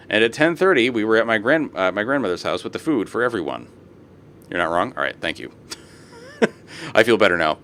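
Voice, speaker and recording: Medium in pitch and fairly bright, this young man's voice carries a live stream where he reads posts out loud. He rants about them, swears a lot, and keeps adding asides.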